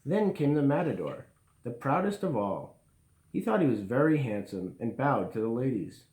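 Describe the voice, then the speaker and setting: A man reads a children's bedtime story aloud in a lively, expressive way. His mid-pitched voice swings up and down, and he pauses for emphasis and speaks to his listeners. The sound is echoey, as in a bare room. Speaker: bedtime story reader for a school community.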